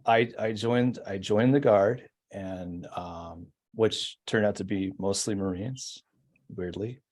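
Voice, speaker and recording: A man in his forties, appearing as a podcast guest, tells his story casually in a reflective, hesitant manner full of fillers. His voice is on the low side and darkish in tone, and he speaks slowly.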